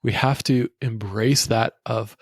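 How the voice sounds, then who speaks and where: A man's voice: medium pitch, fairly even intonation, slow, slightly rough, no room sound. A man hosting a podcast interview, speaking earnestly with frequent stumbling restarts. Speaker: podcast host. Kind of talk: interview conversation.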